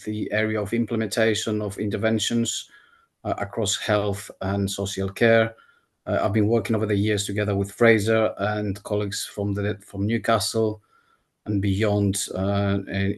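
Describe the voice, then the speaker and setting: A man introduces himself to colleagues over a video call. His voice sits low and stays quite flat. He speaks politely and steadily, with the odd filler. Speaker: professor. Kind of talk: self-introduction in an online meeting.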